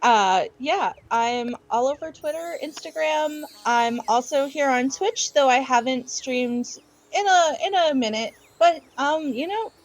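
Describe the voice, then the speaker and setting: A woman guesting on a stream as an artist, chatting in a relaxed, giggly way. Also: sits high, measured pace, low-quality recording. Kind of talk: casual stream chat.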